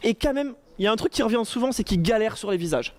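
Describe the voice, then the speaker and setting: A man with a high voice presents at a conference in front of an audience. His delivery is loose and chatty, with jokes, fillers and self-corrections. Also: lively intonation, fast talker, a little mellow, no room sound. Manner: chatty, joking, many fillers and restarts. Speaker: conference speaker. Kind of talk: casual tech talk with slides. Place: conference room before an audience.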